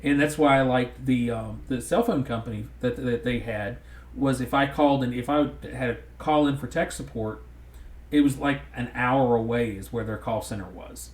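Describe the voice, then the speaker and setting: A podcast co-host with a thick Southern drawl rambles through casual chat, frequently restarting his sentences. His voice is medium in pitch at a moderate pace, and the recording has a roomy echo.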